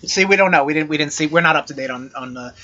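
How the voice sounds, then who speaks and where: Bright, hyped man doing mock red carpet chatter. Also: fairly high pitch, quick pace, lo-fi sound. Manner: hyped mock announcer banter, swearing freely. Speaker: podcast co-host. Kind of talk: mock red carpet pre-show commentary.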